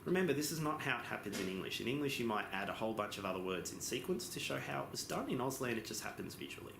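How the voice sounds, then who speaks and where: A man giving a simultaneous interpretation as voice-over for a lesson, explaining in phrases with pauses and occasional self-corrections. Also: mid-range voice, expressive, vocal fry. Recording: echoey room with background noise.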